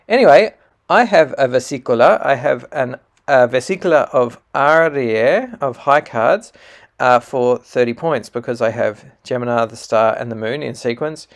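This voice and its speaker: Gravelly man explaining a card game. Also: mid-range voice. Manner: patient, explanatory, with fillers and self-corrections.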